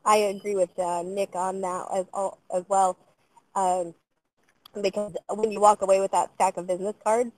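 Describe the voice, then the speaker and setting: A woman in her thirties speaks as a business-owner panelist on a video call, her pitch staying level and even. She talks in a measured, thoughtful way, pausing on ums and uhs. The sound is dry and close. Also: dry recording, rough recording. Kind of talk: panel discussion answers. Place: outdoors in front of trees. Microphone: webcam on a video call.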